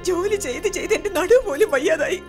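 A cutting middle-aged wife, very high and lively, film drama. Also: female voice, fast talker, soft background music. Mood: scolding. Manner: reproachful, cutting. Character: defiant middle-aged wife standing up to husband. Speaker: wife and mother.

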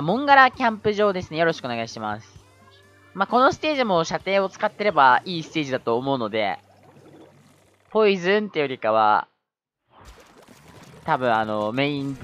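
An excitable man commentates on his own gameplay, his bright, forceful voice leaping across a wide range. He yells at the screen at close moments and drops in wry jokes at his own expense. Faint music plays underneath. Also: medium pitch. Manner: excitable, yelling at the game during tense moments; self-mocking asides. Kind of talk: live game commentary.

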